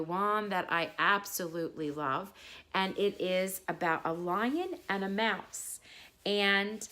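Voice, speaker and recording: A woman reads aloud for a children's bedtime story segment, speaking to her young listeners simply and kindly. Her medium-pitched voice sounds bright and forceful.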